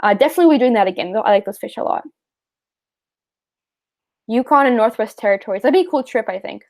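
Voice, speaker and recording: Fast-talking and animated, with a higher-pitched yet darkish voice, a young Canadian woman chats through her fishing livestream, reading out viewer questions. She rambles, laughs easily, and uses plenty of fillers.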